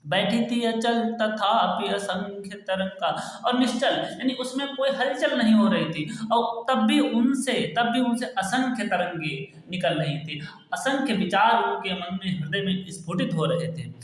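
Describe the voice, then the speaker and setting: A man's voice: sits high, lively intonation, normal speed. A male teacher explaining a classic poem line by line, patiently glossing word meanings and repeating phrases. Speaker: Hindi literature teacher. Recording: very echoey room.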